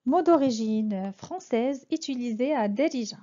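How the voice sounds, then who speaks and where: Mellow-voiced woman teaching French vocabulary. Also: a little high, expressive, measured pace. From Morocco. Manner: hesitant, many fillers and restarts. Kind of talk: explanatory lesson. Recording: dull lo-fi sound.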